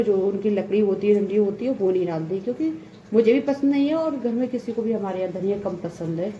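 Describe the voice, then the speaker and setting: In an echoey home bathroom with faint ambience, a mother in her thirties vlogs casually while doing housework, rambling and laughing often. Her mid-range voice is mellow, and the lo-fi recording carries a little hiss or hum.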